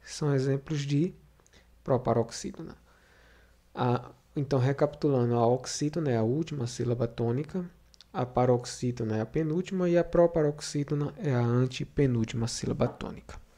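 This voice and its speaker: A man's voice: medium pitch, moderate pace, warm tone. A man teaching a Portuguese grammar video lesson to sixth graders, explaining step by step with recaps and frequent fillers.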